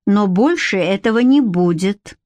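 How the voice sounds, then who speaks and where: A woman's voice: mid-range voice, animated, unhurried, darkish tone, no room sound, close to an everyday voice. Woman reading as Garrick, a cold Viking master. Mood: cold commanding. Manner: curt, coolly commanding, cynical. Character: cold mocking Viking warrior man, master of a captive.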